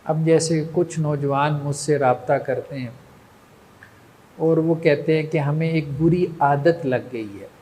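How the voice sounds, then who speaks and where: A man's voice: fairly high pitch, a little slow, warm tone. A man giving a religious lecture, who keeps asking rhetorical questions and checking that his listeners follow. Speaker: religious teacher. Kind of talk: lecture on moral training. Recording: long reverb.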